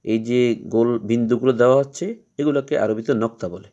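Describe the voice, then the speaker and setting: A man's voice: medium pitch, steady tone, mellow, dull audio. Patient male teacher repeating letters. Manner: patient, repeats each letter three times slowly. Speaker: Quran reading teacher. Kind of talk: step-by-step letter lesson.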